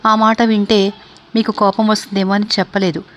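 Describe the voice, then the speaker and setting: A woman voicing a grieving, dignified wife in a read-aloud story, speaking softly and pleadingly. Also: medium pitch, flat delivery, a little fast, lo-fi sound, close to an everyday voice.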